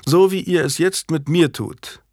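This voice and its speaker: A man's voice: on the high side, measured pace, a little mellow, no echo, studio quality, voice pushed up. A man reading an audiobook, voicing an earnest, blunt young knight who speaks urgently. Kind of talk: audiobook character voice.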